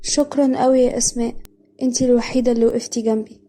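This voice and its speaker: A woman's voice: on the high side, steady tone, rapid-fire, warm tone, close to an everyday voice. A woman voicing a tired, confused young woman in the hospital, speaking. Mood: weary. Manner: weary, bewildered.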